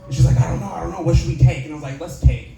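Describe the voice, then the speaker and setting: Man, stand-up comedian, deadpan storytelling, higher voice, echoey club room. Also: racing, gravelly, faint music behind. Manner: laid-back storytelling, deadpan punchlines. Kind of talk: stand-up set.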